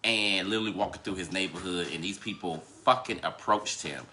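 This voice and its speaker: A man's voice: low-pitched, fairly quick, bright, forceful tone, slight background noise. A man in his thirties hosting a live podcast, ranting heatedly with lots of profanity and laughter. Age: 30s. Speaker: podcast host.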